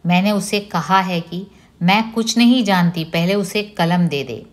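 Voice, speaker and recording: A woman's voice: on the low side, a little slow, close to an everyday voice. A woman reading as a stubborn, defiant boy. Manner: insistent, pressing each word. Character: stubborn, hurt boy who defies his family.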